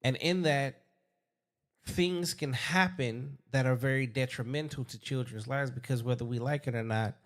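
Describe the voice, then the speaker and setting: Male host, mid pitch, emphatic and repetitive, slows for key points, on a call. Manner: emphatic, repeats himself, speaks slowly to stress points. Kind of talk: casual call conversation.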